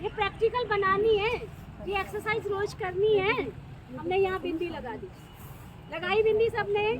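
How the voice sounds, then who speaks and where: Very high-voiced woman quizzing a group. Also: normal speed, crowd noise. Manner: instructive, keeps quizzing the group and urging louder answers. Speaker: spiritual teacher. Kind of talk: spiritual class with call-and-response. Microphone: no microphone, speaking unamplified. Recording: distant voice with loud outdoor noise.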